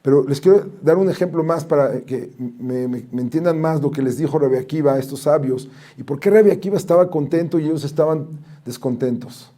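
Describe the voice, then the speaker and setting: Rabbi guy teaching, kinda high voice but mellow, gets really lively telling the story. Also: a little fast. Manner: animated storyteller, mixes in Hebrew and Aramaic quotes. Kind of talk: Talmud lesson storytelling.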